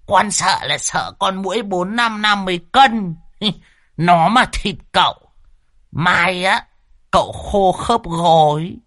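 A man voicing an old village man who cackles and teases in a high, laughing voice. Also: slow pace, pauses often, bright, forceful tone, no echo, clean studio sound, full character voice. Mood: teasing. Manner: cackling, teasing.

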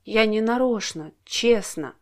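A woman voicing a gentle, apologetic young man who talks slowly and quietly. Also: fairly high pitch, expressive. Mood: soothing apologetic. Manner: slow, soft, quiet.

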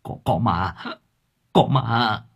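A man's voice: fairly low pitch, drawn-out words, vocal fry, slightly rough, exaggerated voice. A man doing a terrified older villager, faint and stammering. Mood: panicked.

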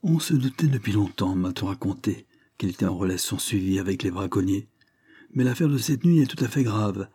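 A man reading aloud voices a cautious, deferential country lawyer who speaks politely and in measured terms. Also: fairly low pitch, lively intonation, warm tone, slightly rough, no room sound, studio quality. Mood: reporting.

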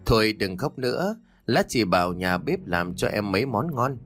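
A man voicing a calm, kind young lady of the house who speaks soothingly, in a read-aloud ghost story. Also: lowish voice, moderate pace, soft background music. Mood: gentle.

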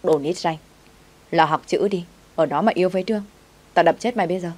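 A woman's voice: fairly low pitch, fast, a little mellow, natural voice. Bossy young master, read by a woman. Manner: scolding, commanding.

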